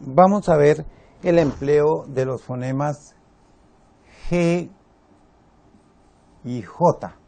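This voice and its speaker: A man teaching a spelling lesson, slow and deliberate, repeating his examples. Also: a little high, creaky, mellow.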